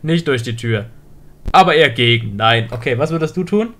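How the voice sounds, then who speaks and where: A woman's voice: extremely low pitch, expressive, fairly quick. A woman streamer chatting casually, reading game text aloud and asking her viewers questions. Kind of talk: casual live game commentary.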